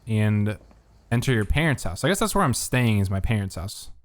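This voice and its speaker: A man giving relaxed, think-aloud commentary while streaming a game. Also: on the low side, normal speed. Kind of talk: casual gameplay commentary.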